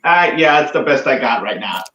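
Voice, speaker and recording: A man's voice: medium pitch, animated, moderate pace, pushed and bright. A man calling in to a podcast over a poor remote microphone that makes him sound like he is talking through a tin can, easygoing and joking, shifting into mock news-anchor commentary. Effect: tinny tin-can sound from a poor remote microphone. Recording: echoey, dull lo-fi remote mic.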